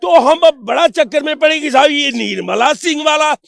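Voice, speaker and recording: Passerby for a street vox pop: a man with a very high, gravelly voice who argues hotly, pushes rhetorical questions and bursts into shouts. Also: expressive, moderate pace, no echo, soft background music. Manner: heated, rhetorical, raises voice in bursts. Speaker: member of the public.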